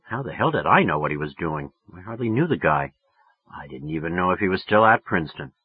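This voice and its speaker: A man's voice: low voice, expressive, brisk, breathy edge, phone-quality sound. A man narrating a novel in the first person, in a colloquial, confiding way. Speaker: audiobook narrator.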